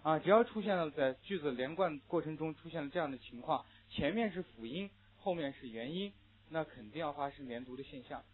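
A male English teacher gives a classroom lecture on linked sounds in listening tests, with "ah" fillers and slow repeat-after-me drills. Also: on the high side, expressive, husky. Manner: explains rules with frequent "ah" fillers, then models words slowly. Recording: tinny phone-like audio.

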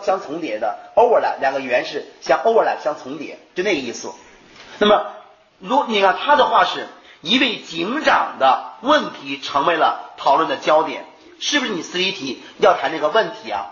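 A man teaches an English exam class with energy, posing rhetorical questions to the students before answering them himself. He has a fairly high voice, captured in an echoey, lo-fi room recording.

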